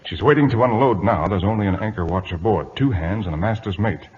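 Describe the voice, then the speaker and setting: An actor playing a resolute, courteous British naval captain in measured, commanding old-time radio drama style. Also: male voice, lowish voice, darkish tone, natural voice. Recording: muffled old radio broadcast, reverberant, hissy.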